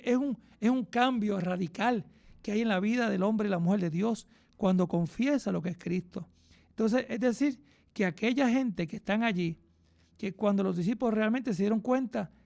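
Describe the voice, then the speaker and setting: A man preaching a radio sermon, impassioned, swinging from hushed passages to loud, fast bursts. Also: high voice, gravelly.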